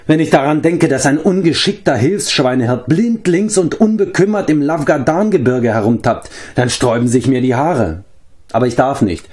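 A man voicing a grumpy, gruff male dwarf in a storybook reading, grumbling as he talks. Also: mid-range voice, moderate pace, darkish tone, pitched above the performer's own voice, close to an everyday voice.

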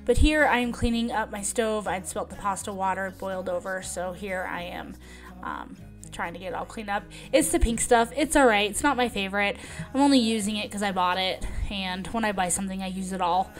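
A woman's voice: mid-range voice, fairly even intonation, fairly quick, soft background music. A middle-aged woman narrating her cooking and cleaning in a casual, rambling voice-over full of ums. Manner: chatty, rambling with many ums. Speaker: vlogger.

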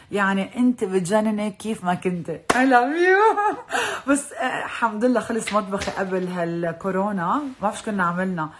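A woman's voice: mid-range voice, fairly bright tone. Woman, Lebanese accent, casual live-stream chat, phone mic, mixes in English, laughs often. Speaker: social media personality hosting a live stream.

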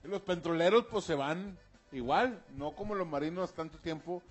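A man co-hosting a radio comedy show, loud and slangy, laughing easily as he tells jokes. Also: a little high, moderate pace, slightly rough, soft background music. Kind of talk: joking banter and joke telling.

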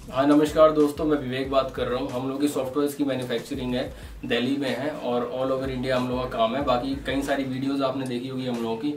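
A young man who wholesales soft toys walks viewers through his warehouse stock. He talks in a brisk sales patter and reels off prices. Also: medium pitch, level tone, far from the mic, faint music behind. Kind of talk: casual product walkthrough. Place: large indoor toy warehouse showroom. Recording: roomy echo, voice off-mic.

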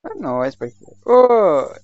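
On his gaming livestream, a young man from Brazil talks slowly in a high voice with wildly swooping pitch, chatting slangily with voice chat as he plays. The dull, lo-fi home mic has no echo.

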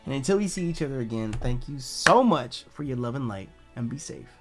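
A gaming YouTuber talks through a let's play a little fast at medium pitch, with music playing in the background. He gets excitable, leans on catchphrases, swears heavily, and sounds increasingly hoarse.

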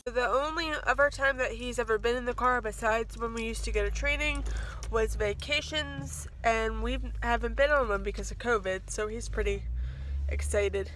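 A woman's voice: fairly high pitch, moderate pace, a bit bright, slight background noise. A woman in her thirties giving a casual, rambling vlog update into a phone held at arm's length. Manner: chatty, rambling, self-correcting. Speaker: vlogger. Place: home kitchen, then parked car.

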